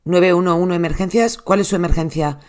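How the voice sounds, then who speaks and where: A narrator with a Spain Spanish accent reading the lines of a calm emergency dispatcher asking brisk questions. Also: mid-range voice, lightly acted. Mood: businesslike. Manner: brisk, matter-of-fact questions.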